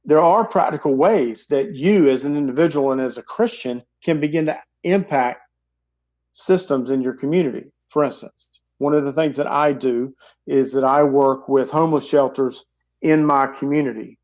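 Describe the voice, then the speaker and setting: With his voice starting to go, a forties-aged man on a video call explains practical steps earnestly and carefully. He uses an earbud headset mic, and his medium-pitched voice is a little mellow at a moderate pace.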